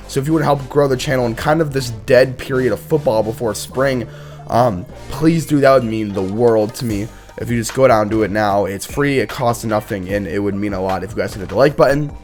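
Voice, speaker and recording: Sick and hoarse, a young man hosts a casual college football show in a worn-thin voice that stays in an ordinary middle pitch, a little mellow. His sports commentary rambles, with restarted sentences and pauses to clear his throat.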